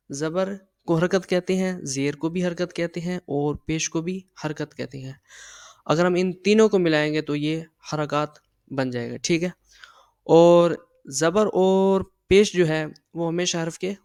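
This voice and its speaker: A man teaching a Quran reading lesson, patiently explaining and slowly drilling syllables aloud. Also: a little high, darkish tone, clean tone, dry recording.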